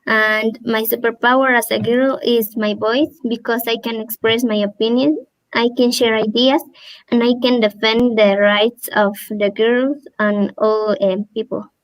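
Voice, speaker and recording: A woman's voice: fairly high pitch, fairly even intonation, a little slow, no echo, rough recording. A young woman with a Guatemalan accent speaking simply and a little shyly as a panelist on a video call. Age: young adult. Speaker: youth panelist. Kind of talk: webinar panel answer.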